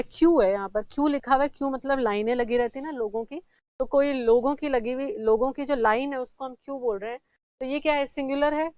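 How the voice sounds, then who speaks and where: A woman teaching English grammar in a classroom-style lesson, asking questions and answering them herself, repeating examples slowly. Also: on the high side, no room sound, low-quality recording.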